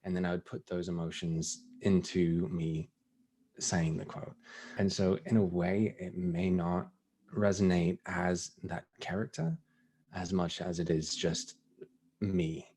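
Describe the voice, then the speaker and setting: A man being interviewed about his voice acting, talking in a relaxed, thoughtful way and laughing easily. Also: deep voice, slow, breathy edge. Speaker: voice actor guest. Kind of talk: casual interview chat.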